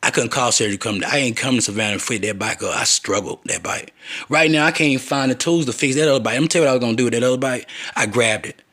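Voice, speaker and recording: A man's voice: medium pitch, racing, fairly bright tone. A man telling long, rambling personal stories in a loose, profane, digressive way, often acting out the voices of the people in them. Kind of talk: rambling personal storytelling monologue.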